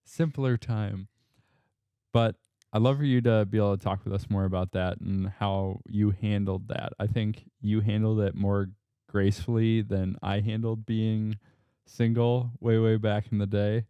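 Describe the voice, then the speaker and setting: A man hosting a family podcast, asking questions in a relaxed way with teasing, joking asides. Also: lowish voice, a little slow, clean tone, no echo, dull audio. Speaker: podcast host. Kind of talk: casual family podcast interviewing.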